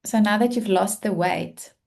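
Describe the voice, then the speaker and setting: A woman's voice: mid-range voice, moderate pace, vocal fry, darkish tone. A woman hosting an interview who asks curious, attentive questions. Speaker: host.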